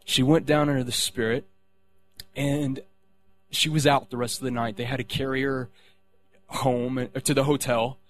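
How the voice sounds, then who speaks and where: A man's voice: mid-range voice, level tone, normal speed, long pauses, faint music behind. A man sharing a personal faith testimony, rambling, with many restarts and fillers.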